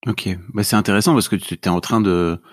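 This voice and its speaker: A man's voice: fairly low pitch, brisk, no echo, clean studio sound. A man conducting a casual interview, encouraging his guest and drawing links between the things he has said.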